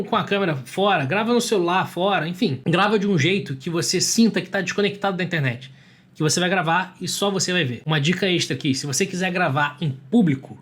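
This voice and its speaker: Brazilian guy, fast and high, blunt coaching to camera, swears a lot. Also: a bit bright. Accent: Brazilian Portuguese. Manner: blunt, emphatic, swears freely. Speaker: marketing coach. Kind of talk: casual talk to camera.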